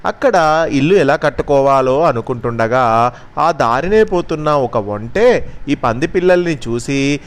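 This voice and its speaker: A man narrating a children's story as a storyteller, expressive and gentle. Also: medium pitch, measured pace.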